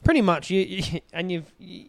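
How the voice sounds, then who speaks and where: Male co-host, rambling, self-mocking, higher voice, dead-dry mic. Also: normal speed, creaky, no echo. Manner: rambling, self-deprecating, many restarts. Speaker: podcast co-host. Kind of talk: casual chat.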